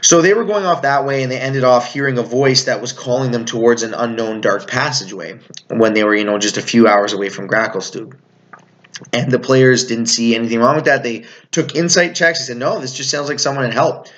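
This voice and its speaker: A man's voice: medium pitch, brisk, fairly bright tone. A man, a game master, casually recapping a tabletop game session and often correcting himself mid-sentence. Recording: slightly dull lo-fi sound.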